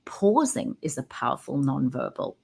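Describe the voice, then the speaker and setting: A woman who works as a communication coach, talking straight into her camera and stressing key words with pauses. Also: extremely low pitch, huge pitch swings, gravelly, a little mellow, husky. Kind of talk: direct-to-camera talk. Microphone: webcam.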